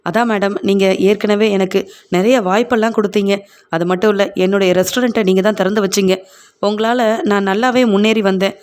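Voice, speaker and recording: A man's voice: high-pitched, fairly even intonation, fairly quick, clean tone, natural voice. A man voicing a distressed middle-aged mother, pleading and tearful.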